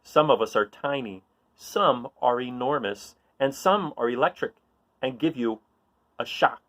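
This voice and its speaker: This storyteller reads a children's picture book aloud at an unhurried pace in a medium-pitched voice. His reading is informal and expressive, and he questions and encourages his young audience.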